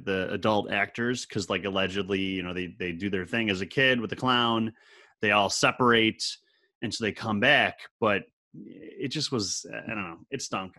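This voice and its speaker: Bright-voiced rambling man. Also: lowish voice. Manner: rambling, animated storytelling. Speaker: podcast co-host. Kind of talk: casual chat.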